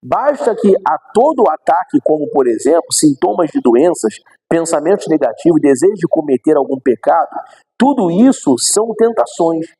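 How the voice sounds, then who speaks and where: Male pastor, lively sermon delivery, mellow husky tone. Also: fairly high pitch, normal speed, low-quality recording. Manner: animated, acts out quoted voices, asks the audience questions. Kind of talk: sermon teaching.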